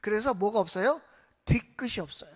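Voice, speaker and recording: A woman pastor preaching a sermon in an animated storytelling manner, often asking the congregation questions. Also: mid-range voice, a little fast.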